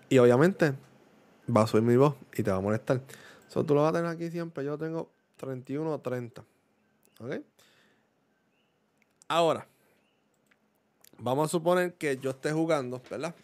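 A man with a Puerto Rican accent, casually explaining microphone settings into a desk microphone at home, often asking if the listener follows and slipping in English words. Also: medium pitch. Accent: Puerto Rican Spanish. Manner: explanatory, mixes in English words, keeps checking understanding. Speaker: gaming YouTuber reviewing a microphone. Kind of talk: casual tech demonstration. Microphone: desk condenser microphone.

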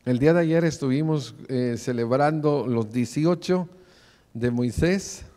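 Male preacher, 40s, mid-pitched, earnest sermon, church hall echo. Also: unhurried, mellow. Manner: preachy, calls listeners brother often. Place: church sanctuary, in front of the pulpit. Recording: long church reverb.

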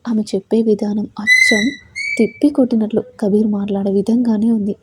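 A woman narrating a romantic audio story in an expressive, dramatic storytelling manner. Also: mid-range voice, brisk, very noisy.

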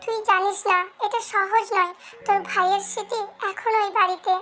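A woman's voice: very high voice, steady tone, a little fast, over music. A woman voicing a stern middle-aged mother who scolds firmly. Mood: scolding.

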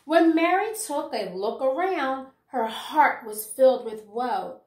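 A middle-aged woman with a high voice reads a children's picture book aloud as an educator, adding commentary aimed at children and teachers. Her delivery is deliberate and expressive, recorded indoors in a small room at home with noticeable echo.

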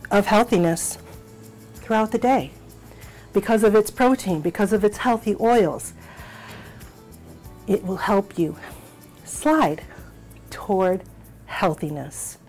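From a compact kitchen at home, a middle-aged woman presents a cooking show with patient encouragement, explaining every step without rushing. She speaks at medium pitch with a slightly mellow tone.

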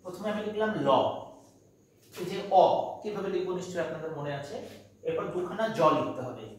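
Brisk and animated, this man's high voice carries a faint hiss or hum as he patiently teaches phonetics step by step. He keeps checking in with his students by asking "তাই তো?", and the recording has an echoey room with a distant mic.

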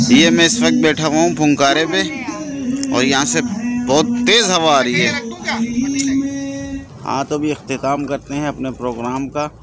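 Excited fishing vlogger, roaring wind. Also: male voice, fairly high pitch. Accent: Karachi Urdu. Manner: calls out catches to viewers. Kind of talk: handheld fishing vlog commentary. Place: rocky seashore at night, outdoors. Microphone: phone camera held in hand. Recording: loud wind on the phone mic.

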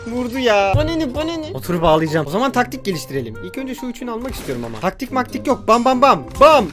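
Excitable man yelling over game music. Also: very high voice, fast. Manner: excitable, jokey, yelps and shouts in bursts. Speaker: gaming YouTuber. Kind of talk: excited gameplay commentary.

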